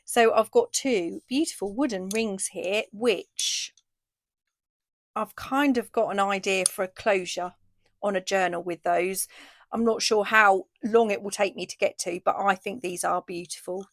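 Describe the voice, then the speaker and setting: A woman from the UK, a craft shop owner chatting through a casual video update and an unboxing, says she is losing her voice and gets excited over each item. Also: medium pitch, unhurried, no echo. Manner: chatty, enthusiastic, frequent ooh and fillers.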